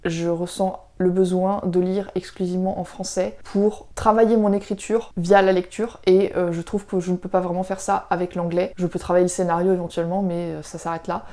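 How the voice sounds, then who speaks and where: A woman's voice: fairly low pitch, warm tone. A French woman chatting casually as a book reviewer, amused as she recommends novels to her viewers. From France. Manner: chatty, conversational, amused by the story.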